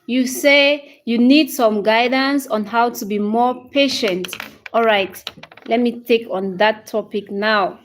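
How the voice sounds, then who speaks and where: A woman's voice: a little high, slight background noise. A woman in her thirties with a Cameroonian English accent, hosting a casual live English lesson, greeting viewers by name and answering their comments one by one. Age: 30s. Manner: repeats phrases, checks in with "okay?". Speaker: English teacher hosting a livestream. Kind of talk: casual livestream chat.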